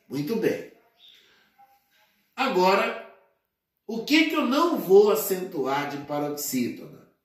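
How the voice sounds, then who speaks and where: A man teaching a grammar lesson, explaining slowly and deliberately, spelling out word endings and checking in with his listeners often. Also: a little high. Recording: very echoey, distant from the mic.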